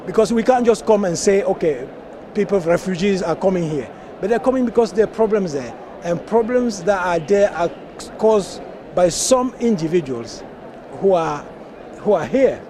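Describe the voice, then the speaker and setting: A man's voice: high voice, background noise. A man from Cameroon, a party member, speaking earnestly and with passion in an outdoor street interview. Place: outdoors at a conference venue, street traffic.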